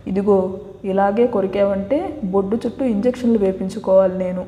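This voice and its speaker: A woman voicing a stubborn, sharp-tongued young wife who answers in sulky retorts, in an echoey room with a long reverb. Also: mid-range voice, fairly even intonation, a little fast, lightly acted.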